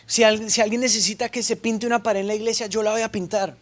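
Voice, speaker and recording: High-voiced man preaching a sermon. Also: level tone, quick pace. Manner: storytelling with playful asides and quoted dialogue. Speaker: pastor. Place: church stage.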